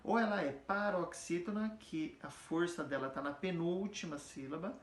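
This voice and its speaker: A man's voice: fairly high pitch, a little hiss or hum. Man teaching music in an echoey room. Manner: explains patiently, checks understanding with frequent tag questions; sings or chants example words slowly to demonstrate stress. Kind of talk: casual explanatory lesson.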